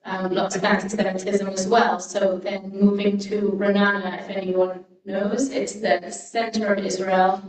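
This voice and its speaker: Woman in her twenties, flat delivery. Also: medium pitch. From United Kingdom. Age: 20s. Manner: relaxed, frequent "um" fillers. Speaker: guest speaker. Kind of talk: personal talk to a congregation. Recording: echoey room, mic at a distance.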